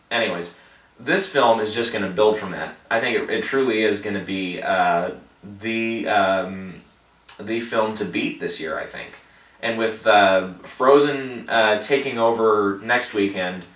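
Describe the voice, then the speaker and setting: A man's voice: on the low side, fairly bright tone. A man chatting casually about movies, tired late at night, rambling with lots of fillers and laughing at himself. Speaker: box office prediction vlogger. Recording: roomy echo, distant from the mic.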